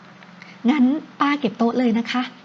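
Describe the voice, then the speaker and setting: Woman playing a cheerful older housemaid, chatty and teasing, fairly high voice, muffled audio. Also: steady tone, unhurried, a little hiss or hum, lightly acted.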